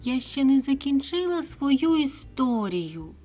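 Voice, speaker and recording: A woman doing a small worried fox girl, high and earnest. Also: very animated, takes it slowly, dark tone, faint music behind, full character voice. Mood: pleading. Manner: earnest, pleading, raised high voice. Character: small quiet young female fox, gentle but worried.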